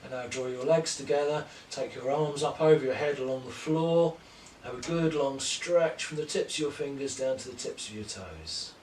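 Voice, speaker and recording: Male yoga teacher, soft and unhurried guided instruction, recorded from a distance in an echoey room. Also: mid-range voice, slight background noise. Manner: slow, gentle, calm cueing of breath and poses. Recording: roomy echo, distant mic, faint ambience.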